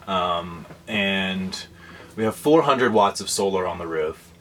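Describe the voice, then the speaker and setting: A man chatting casually in a vlog about life in a converted bus, explaining things in a relaxed, rambling way with fillers. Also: deep voice, takes it slowly. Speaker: vlogger. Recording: distant mic with faint background noise.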